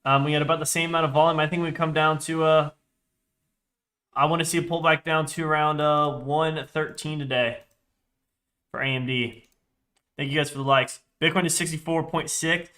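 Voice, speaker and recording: This young man's voice is on the high side and sharp, flat in delivery at normal speed, and audibly congested. He chats casually on a live trading stream, reading chat aloud while rambling and correcting himself.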